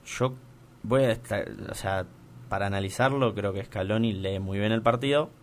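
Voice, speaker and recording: A young Argentine man telling the story of a football final he saw in person, animated, with many restarts. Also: lowish voice, moderate pace, slight background noise. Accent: Argentine Spanish. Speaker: guest recounting attending a football final. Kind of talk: casual chat.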